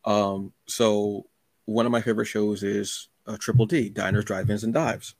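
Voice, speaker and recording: This low-voiced man rambles effusively as host of a casual interview podcast, often circling back over his own words. He talks at a normal speed with fairly level intonation and a slightly mellow tone, captured dry and close with no room sound at all.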